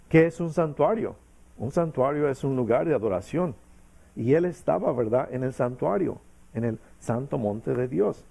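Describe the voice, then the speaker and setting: A man preaching a sermon, emphatic, reading scripture slowly and checking in with his listeners again and again. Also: medium pitch, vocal fry, warm tone, husky. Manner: reads scripture slowly, teaches with examples.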